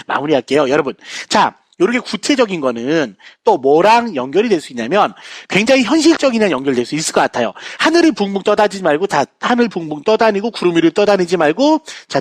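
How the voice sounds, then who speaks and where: Male vocab teacher, recorded lecture; bouncy, joking delivery, high and dry. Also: no room sound. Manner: lively lecturing, frequent "자, 여러분" asides, playful jokes.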